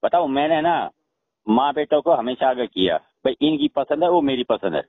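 A middle-aged father-in-law with a Haryanvi accent argues insistently in a heated, recorded phone call about a family dispute, repeating himself to be heard. His medium-pitched voice is expressive at normal speed, heard over a telephone.

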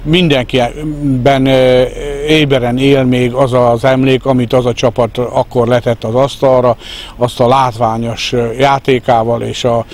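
A man in his fifties giving an interview in a halting, hesitant way into a handheld microphone. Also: medium pitch, level tone, darkish tone. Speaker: fan club organiser, interviewee. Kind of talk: interview talk. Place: outdoors in a park. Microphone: handheld reporter microphone. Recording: outdoor park ambience, faint noise.

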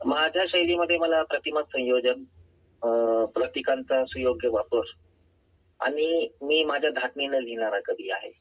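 A man speaks as a caller through a tinny telephone line, his voice husky and a little breathy. His pitch sits in an ordinary middle range, and his answers come out measured and earnest. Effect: heard over a phone line. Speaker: author and poet, guest caller. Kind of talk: phone-in interview answers.

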